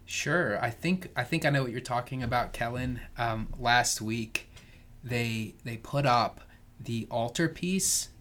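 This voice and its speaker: A man's voice: medium pitch, unhurried, fairly bright tone. A man with an American accent chatting casually as a podcast co-host. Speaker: podcast co-host, church staff. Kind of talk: casual co-hosted podcast chat.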